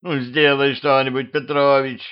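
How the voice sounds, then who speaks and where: A man's voice: medium pitch, a little slow, voice pushed up, natural voice. A man voicing a young female vampire who whines and complains about hunger, in a self-made audiobook. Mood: whiny. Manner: whiny, petulant. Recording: dull lo-fi home recording.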